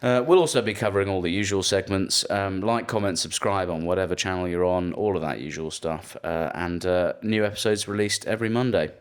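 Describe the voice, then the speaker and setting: A man's voice: low voice, brisk, hardly any pauses, clear, resonant tone. A young man co-hosting a casual podcast chat, rambling and self-deprecating. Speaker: podcast co-host.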